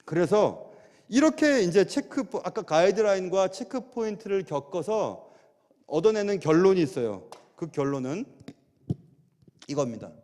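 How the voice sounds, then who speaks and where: A middle-aged man preaching a sermon as pastor, animated and full of rhetorical questions. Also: sits high, normal speed. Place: large church sanctuary. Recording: long church hall reverb.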